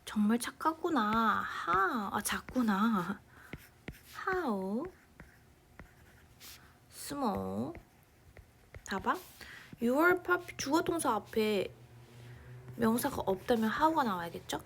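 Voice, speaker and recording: Breathy, animated Korean woman teaching English. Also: on the high side. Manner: explains in chatty informal Korean, reads English examples slowly, drops to near-whispers. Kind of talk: online grammar lecture.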